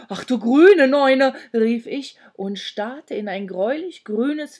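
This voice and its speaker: Woman author reading a kids' book aloud, breathy voice, dramatic whisper-to-shout delivery. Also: on the high side. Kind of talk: expressive storybook reading. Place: living room.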